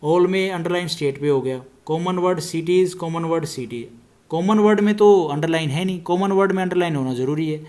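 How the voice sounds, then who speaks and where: Man teaching step by step, slightly high voice. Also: darkish tone. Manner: explains step by step, repeats statements slowly while writing. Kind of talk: exam-prep lesson.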